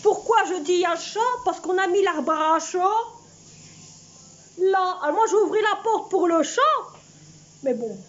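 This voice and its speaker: A woman's voice: very high-pitched, unhurried, pauses often. A middle-aged woman chatting casually to her viewers in her home kitchen as she cooks, talking straight to camera. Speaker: cooking vlogger. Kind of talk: casual cooking vlog. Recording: dull lo-fi sound, faint noise.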